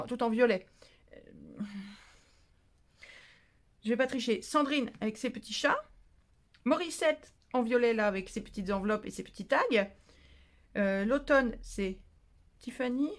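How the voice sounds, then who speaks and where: A tired woman chats casually and playfully while opening her mail, often exclaiming and teasing herself. Her voice sits a little high. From France. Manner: chatty, playful, self-mocking, exclaiming. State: tired, voice going. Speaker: craft channel host.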